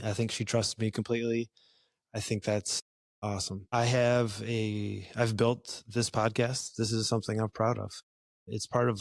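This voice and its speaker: A man's voice: lowish voice, dry recording, studio quality. A man hosting a podcast, chatting casually in an easygoing way with lots of fillers and restarts. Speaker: podcast host. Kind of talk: casual conversation.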